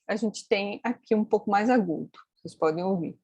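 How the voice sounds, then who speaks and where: A woman's voice: mid-range voice, a little fast, a little mellow, husky, no echo, highs cut off. A woman teaching phonetics in a screen-recorded tutorial, explaining step by step and checking in with tag questions. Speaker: phonetics instructor.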